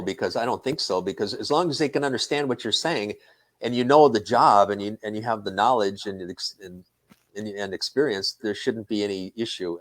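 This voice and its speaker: Midwestern American man explaining calmly. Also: mid-range voice. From northern United States. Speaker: English instructor. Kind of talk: casual conversation.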